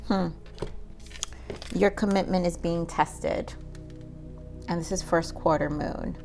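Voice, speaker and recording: A woman with a low voice and a gravelly edge gives a relaxed tarot reading. She muses aloud, fills her talk with "like" and "um," and asks spirit for answers as she pulls cards. Soft music plays underneath. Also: slow pace. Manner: musing, says "like" and "um" often, talks to spirit while pulling cards. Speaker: tarot reader.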